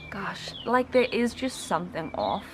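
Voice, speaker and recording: A South African woman in her twenties speaks at a measured pace with a medium-pitched, very animated voice over a noisy background. She is a linguistics student making a reaction video, explaining things informally to camera and sounding out vowels as examples.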